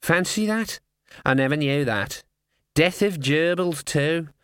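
A man voicing a chatty, excitable male raven that squawks and gossips in a storybook reading. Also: a little high, takes it slowly, smooth, dry recording, studio quality, pitched above the performer's own voice. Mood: gossipy.

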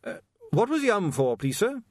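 Polite, sharp young watchman, pitched up, dry read, from a male narrator. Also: very animated, moderate pace, no room sound. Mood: earnest. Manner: polite, earnest. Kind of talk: audiobook character voice.

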